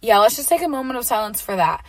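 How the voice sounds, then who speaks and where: A young woman in her late teens telling a personal story in a chatty, animated way, full of filler words. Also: a little high, fast talker, no echo. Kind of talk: casual storytime chat.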